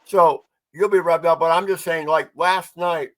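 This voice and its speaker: A man's voice: a little high, fairly even intonation, normal speed, fairly bright tone. A man co-hosting a casual sports podcast, talking with mumbled articulation as if he had marbles in his mouth.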